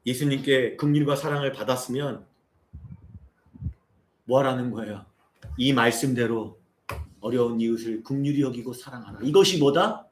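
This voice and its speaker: A man's voice: mid-range voice, normal speed, pauses often, slight background noise. A male pastor in his forties preaching a sermon, firing rhetorical questions at the congregation and building to impassioned appeals. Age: 40s. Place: church sanctuary. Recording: echoey church sanctuary.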